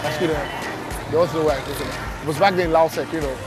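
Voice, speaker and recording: A man's voice: a little high, fairly even intonation, rapid-fire, over music. A young Nigerian man hosting a street interview, hyped and bantering with pidgin, recorded outdoors on a busy city street. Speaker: show host.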